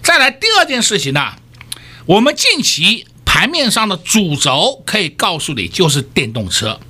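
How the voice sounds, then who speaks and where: A man's voice: high voice, big pitch swings, normal speed, bright, forceful tone, breathy edge. A man hosting a radio stock market show, talking emphatically and firing rhetorical questions at listeners. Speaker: stock market analyst host.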